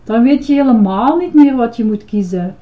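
A woman puts on an impatient little girl from a storybook. She grumbles and urges the others to hurry up. The voice is high and the sound is dull and lo-fi. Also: lively intonation, moderate pace, lightly acted. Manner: impatient, grumbling, shrill when alarmed.

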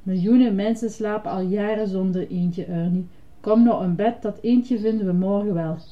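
A woman's voice: fairly even intonation, normal speed, lightly acted. A woman voicing a patient, weary grown-up male puppet who sighs and sounds exasperated, reading a storybook aloud. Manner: low, sighing and exasperated. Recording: dull lo-fi recording.

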